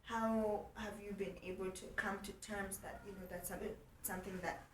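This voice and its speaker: A woman's voice: mid-range voice, fairly even intonation, moderate pace. A woman hosting a podcast, asking questions casually with lots of "um" and "mm-hmm". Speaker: podcast host. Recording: echoey room, distant from mic, faint noise.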